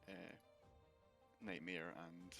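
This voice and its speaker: A man playing a tabletop game, quiet and hesitant as he decides his move. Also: sits low, flat delivery, slow, soft background music. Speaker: player. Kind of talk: casual tabletop game chat.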